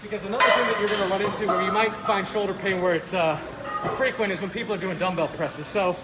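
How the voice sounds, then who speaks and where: A man speaking through a face mask, giving casual, halting workout instruction in a gym vlog. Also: sits high, steady tone, heavy background noise. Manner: informal, halting, self-correcting explanations. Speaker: fitness video creator, host. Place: indoor gym. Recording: echoey gym, loud music behind. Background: loud music.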